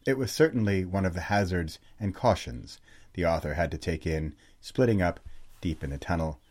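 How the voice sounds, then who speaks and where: A man reading a formal, measured narration addressed to the reader. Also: low-pitched, darkish tone. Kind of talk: scripted narration.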